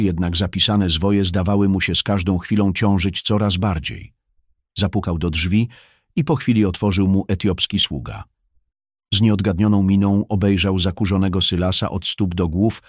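A man narrating an audiobook in a calm, measured storytelling manner. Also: low voice, no room sound, studio quality. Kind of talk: scripted narration.

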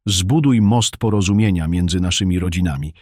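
Low-voiced man reading a severe, commanding mother from ancient times, dry sound. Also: normal speed, darkish tone, dry recording. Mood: persuasive. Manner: stern, commanding. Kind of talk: audiobook reading.

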